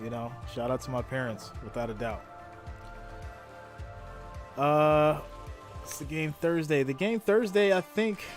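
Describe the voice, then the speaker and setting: A man's voice: a little high, unhurried, pauses often, soft background music. A man in his thirties hosting a live reaction stream, chatting casually with viewers and often repeating and restarting his words. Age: 30s.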